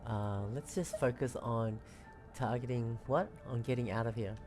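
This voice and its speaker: A woman's voice: extremely low pitch, moderate pace. A woman chatting casually as she reacts to a video game, informal and giggly. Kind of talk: casual chat, live game commentary. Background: game music.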